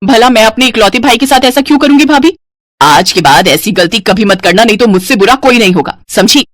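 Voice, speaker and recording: A woman voicing a spoiled, scheming young sister-in-law in an animated storybook, with a shrill, sneering, bossy manner. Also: fairly quick, dry recording. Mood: accusing.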